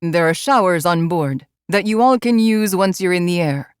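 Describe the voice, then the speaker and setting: Lady doing a gentle alpha guy for an audiobook, voice dropped low, soft and smooth, bit teasing, dry close sound. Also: normal speed, no room sound, lightly acted. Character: gentle confident adult male alpha.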